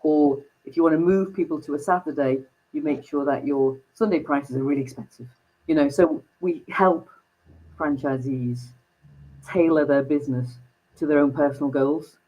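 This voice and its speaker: A woman from the United Kingdom, a company founder, telling stories as an interview guest with lively jumps in pitch. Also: normal speed, dull audio. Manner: animated storyteller, pitch jumps when excited. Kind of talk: interview conversation.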